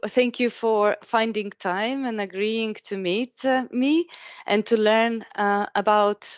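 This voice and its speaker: A woman's voice: fairly high pitch, steady tone, takes it slowly, no echo. A woman hosting an interview over a video call, asking polite, curious questions. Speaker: interview host.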